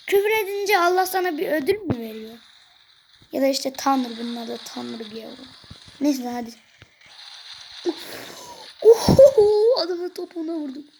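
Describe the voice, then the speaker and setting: A gaming video creator delivers excitable commentary over gameplay, cursing and cracking jokes at the characters on screen. His voice sits high and sounds husky.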